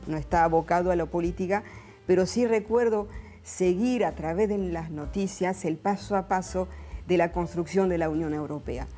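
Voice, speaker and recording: A woman's voice: on the low side, dark tone. A woman, raised in France, reflecting thoughtfully as an interview guest. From born in Argentina, raised in France. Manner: reflective, with frequent hesitations. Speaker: businesswoman and guest. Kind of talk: interview answers, reminiscing.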